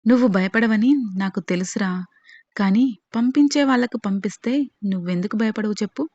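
A determined young woman, firm and unafraid, protective of her older sister, read by a woman storyteller. Her voice sits at a middling pitch on a dry, dull, lo-fi track. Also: brisk, darkish tone, no room sound, lightly acted. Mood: defiant. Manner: firm, defiant.

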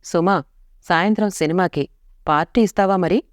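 A woman's voice: on the low side, normal speed, no room sound, studio quality, natural voice. A woman voicing a teasing, possessive young man in a story, speaking in a mocking, curt way.

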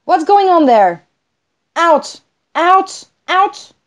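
A woman voicing a flamboyant vaudeville star who owns a theater, loud and gushing in a theatrical way. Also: medium pitch, normal speed, lightly acted. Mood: shooing.

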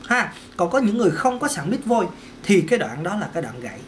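A male voice teacher, talking through a casual singing lesson. His pitch swings up and down a lot as he explains, and he often repeats himself and tosses in quick "ok"s between points. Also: big pitch swings, a little hiss or hum. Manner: chatty, repeats words, peppers talk with "ok" and "đó". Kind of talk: casual vocal lesson to camera.

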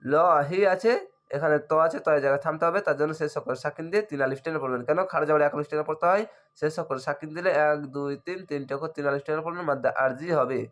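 Man slowly spelling out recitation. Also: a little high, fairly bright tone. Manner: drawn-out chanting of words between quick explanations. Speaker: Quran reading teacher. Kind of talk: slow spelled-out recitation lesson.

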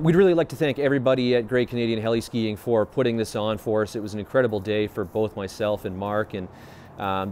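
A man in his thirties, a blind skier, speaking measured with fillers in an outdoor interview, on a lapel mic. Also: fairly low pitch, darkish tone, a little hiss or hum. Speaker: blind skier and fundraiser organizer. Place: outdoor deck by forest.

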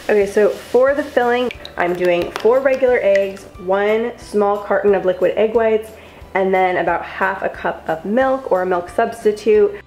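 A woman's voice: medium pitch, unhurried, a little mellow, roomy sound, faint music behind. A young woman vlogger talking through her cooking steps in a chatty, upbeat voice-over. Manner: upbeat, chatty, step-by-step instructions. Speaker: lifestyle vlogger. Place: home kitchen.

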